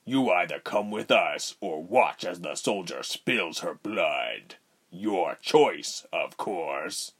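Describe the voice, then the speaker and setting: A man voicing a cold, cruel general who threatens slowly and quietly. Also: expressive, slightly rough, exaggerated voice. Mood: cold menacing. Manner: slow, low, coldly threatening. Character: cold menacing male general, calm and cruel.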